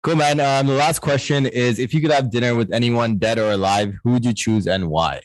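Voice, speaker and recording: A man co-hosting a podcast, asking questions in a relaxed way and laughing along with his guests. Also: medium pitch, brisk, dry recording. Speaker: podcast co-host. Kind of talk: casual interview chat.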